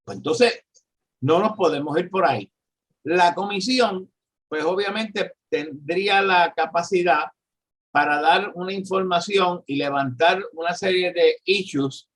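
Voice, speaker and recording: A man in his seventies with a Puerto Rican accent, talking earnestly in a political discussion and often pausing to find his words. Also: fairly high pitch, a bit bright. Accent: Puerto Rican Spanish. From Puerto Rico. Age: 70s. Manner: earnest, searching for words, repeats himself. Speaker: guest commentator.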